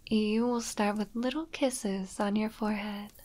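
A woman voicing a gentle witch matchmaker in an ASMR roleplay, speaking in a calm, soothing whisper. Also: mid-range voice, a little slow, close to an everyday voice.

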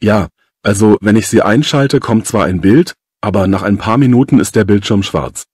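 A man's voice: lowish voice, moderate pace, a little mellow, slightly rough, no room sound, studio quality. A man playing a polite gym manager as a customer, explaining things courteously in a scripted phone dialogue. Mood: polite, concerned. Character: polite male gym manager phoning about a fault.

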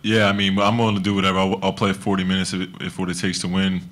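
A young college basketball player speaks at a press table in a deep, level voice. He talks earnestly and stumbles over repeated words as he answers. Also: completely flat delivery, quick pace, fairly bright tone. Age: young adult. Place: press conference room. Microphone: table microphone.

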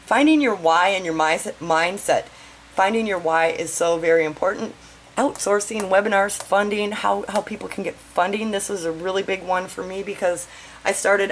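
A woman talking to camera about her online business plans, excited and rambling, a little out of breath, often asking "right?". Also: fairly low pitch, slight background noise, poor audio. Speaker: online marketing vlogger. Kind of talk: casual talk to camera. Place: at home, with a whiteboard behind her.

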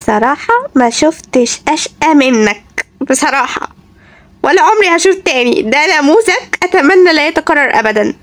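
A woman's voice: high-pitched, lively intonation, a little fast. Sarcastic Egyptian woman storyteller. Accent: Egyptian Arabic. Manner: dry, sarcastic asides. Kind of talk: acted storytelling.

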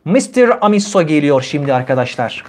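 A man's voice: fairly high pitch, sing-song, a little fast, a little mellow. A man in his thirties hosting a conversational language lesson, using simple, repetitive phrasing for learners. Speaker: language teacher and livestream host. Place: small room indoors. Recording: clearly noisy livestream with clicks.

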